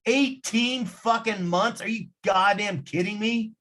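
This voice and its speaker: A man's voice: high-pitched, unhurried, sharp tone. Profane, heated man on a veterans' podcast. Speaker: podcast host. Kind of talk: casual profane chat.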